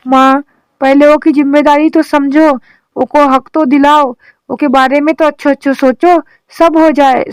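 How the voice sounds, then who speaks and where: A woman's voice: sits high, a little mellow, dry recording, poor audio. A woman voicing a sensible young daughter-in-law in a cartoon drama, lecturing and persuading her mother-in-law.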